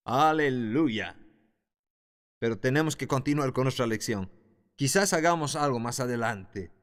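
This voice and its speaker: A man teaching a Bible class in a fervent preaching style, building to loud exclamations. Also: medium pitch, lively intonation, moderate pace. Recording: long hall reverb.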